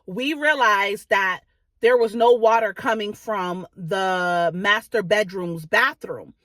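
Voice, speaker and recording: A woman's voice: fairly high pitch, a bit bright, no room sound. A woman real estate agent talking informally to viewers, explaining advice in a conversational way and often checking that they follow. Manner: conversational, explanatory, checks understanding with "right?" and "okay?".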